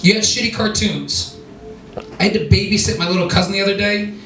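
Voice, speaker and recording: A man's voice: high voice, fairly even intonation, a little fast, bright, forceful tone. A man in his twenties from New Jersey doing a stand-up set in a small lounge, with a dry, self-deprecating delivery and hesitant restarts. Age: 20s. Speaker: stand-up comic. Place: small lounge comedy club. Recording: echoey club, taped from far off.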